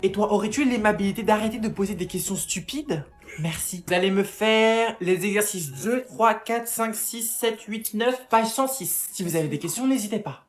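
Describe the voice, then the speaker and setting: A woman's voice: medium pitch, normal speed, soft background music, lightly acted. A woman playing a strict, sarcastic schoolteacher in a comedy sketch, with a curt and condescending manner. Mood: stern. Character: strict sarcastic female schoolteacher, middle-aged.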